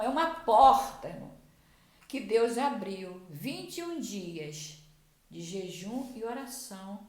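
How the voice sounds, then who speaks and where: A woman's voice: a little high, darkish tone. A woman giving earnest Bible teaching in a sermon style, repeating herself and restarting often. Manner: earnest, repetitive, with many restarts. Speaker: Bible teacher at a church program. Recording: roomy echo.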